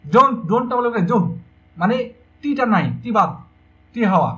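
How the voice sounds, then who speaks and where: Young male teacher, high voice, patient step-by-step explainer for an exam-prep class. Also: very animated, unhurried, a bit bright, lo-fi sound. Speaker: English teacher. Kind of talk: online exam-prep lecture.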